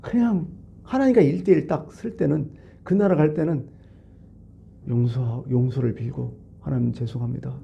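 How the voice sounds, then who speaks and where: Gravelly dark-voiced pastor preaching a sermon. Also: male voice, medium pitch, normal speed, slight background noise. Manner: storytelling, conversational, swings between hushed and animated. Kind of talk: Wednesday service sermon. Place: church. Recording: dull lo-fi church recording.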